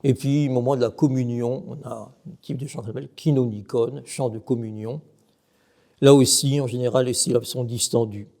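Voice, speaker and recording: A man's voice: mid-range voice, steady tone, moderate pace, creaky, mellow. A middle-aged man, a monk, giving an emphatic talk on Byzantine chant, sometimes chanting short examples and putting questions to his listeners. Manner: asks the audience questions. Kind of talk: explanatory talk with sung examples.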